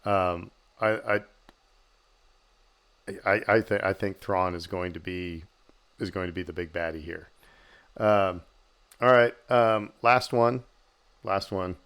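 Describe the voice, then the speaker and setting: A man co-hosting a podcast in casual chat, animated and speculative, talking in bursts. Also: sits low, takes it slowly, long pauses, smooth. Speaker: podcast co-host.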